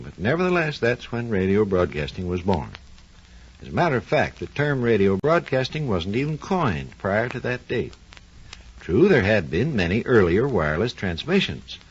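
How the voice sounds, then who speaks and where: An American research engineer gives a formal, explanatory science program as a scripted 1940s educational radio talk. His voice is on the low side and slightly rough, and the 1940s recording is muffled and lo-fi.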